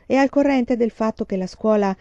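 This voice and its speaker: A woman's voice: on the high side, normal speed, dark tone, no echo, muffled recording, close to an everyday voice. A woman reading aloud voices a polite, formal county school official in a storybook. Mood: cordial.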